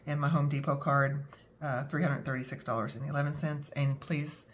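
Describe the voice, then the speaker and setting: A woman's voice: low-pitched, little pitch movement, fairly quick. A young adult woman with a scratchy throat from a cold, talking casually and self-deprecatingly, with many fillers. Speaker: budgeting vlogger. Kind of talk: casual talk to camera.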